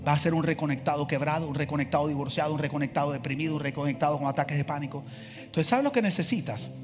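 A man preaching a sermon as pastor, animated, acting out the voices in his stories. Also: on the high side, rapid-fire. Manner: animated, acts out voices in dialogue. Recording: long hall reverb, faint music.

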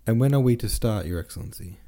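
A man with a fairly low, mellow voice speaks fast and animatedly, voicing a cheeky, deferential peasant coach driver in his twenties from a novel. He addresses others respectfully while telling his stories boastfully.

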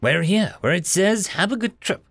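A man's voice: high voice, expressive, normal speed, creaky, fairly bright tone, slightly rough, no room sound, soft background music, pitched above the performer's own voice, heavily acted. A man voicing a cheerful, teasing young male explorer in an upbeat way.

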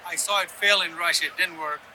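In a noisy setting, a high-voiced man speaks a little fast with a steady tone, laying out opinionated political explanations as an interview guest and conservative activist. Born in Ghana and raised in Sudan, Yemen and Ethiopia, he keeps checking in with "right?"

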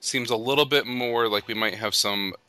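A man's voice: mid-range voice, normal speed, bright, forceful tone, clear, resonant tone. A man hosting a podcast, chatting casually as he leads a ranking game. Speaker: podcast host.

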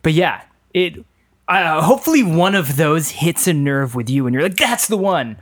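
A man co-hosting a podcast in casual chat, halting and wry, often restarting his sentences. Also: on the high side, expressive. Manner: halting, self-correcting, wry. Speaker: podcast co-host.

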